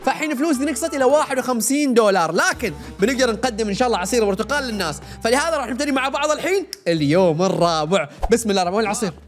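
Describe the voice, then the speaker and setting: Fast-talking gamer man. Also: very high-pitched, lively intonation. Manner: fast, chatty, jokes with the game's customers. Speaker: gaming YouTuber. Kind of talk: casual let's-play commentary. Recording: faint game music behind.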